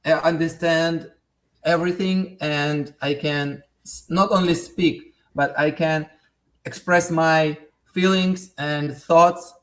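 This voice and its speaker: Answering interview questions, this guest, a Russian native speaker in his thirties, stumbles along with frequent fillers and restarts in a Russian accent. His slightly high voice holds a steady tone and sounds a bit bright.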